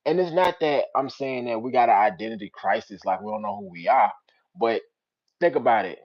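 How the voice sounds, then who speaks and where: A young man with a Richmond, Virginia accent, hosting a casual live-stream chat with viewers. He uses street slang and breaks into loud teasing. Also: medium pitch, a little fast, muffled recording. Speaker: channel host.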